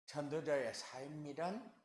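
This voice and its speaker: Man, pastor, sermon, slow deliberate delivery, rhetorical questions, emphatic refrains, echoey church hall. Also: fairly high pitch. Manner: rhetorical questions answered with firm repeated refrains; emphatic swells in loudness on key words. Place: church sanctuary.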